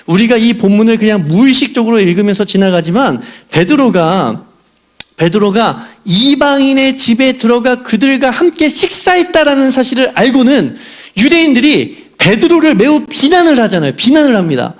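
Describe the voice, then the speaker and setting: A man's voice: very high voice, expressive, moderate pace. A male pastor preaching a sermon in a conversational way, asking rhetorical questions and acting out quotes. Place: church sanctuary.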